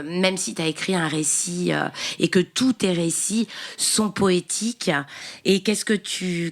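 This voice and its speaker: A woman hosting a literary radio interview, often pausing and restarting with fillers. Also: lowish voice. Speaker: radio host. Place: radio studio.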